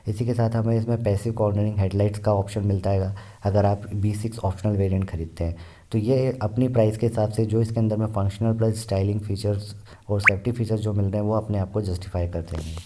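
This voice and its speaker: A man's voice: lowish voice, fairly even intonation, brisk, mellow, a little hiss or hum. A man explaining car variants in a car review, steadily listing features one by one.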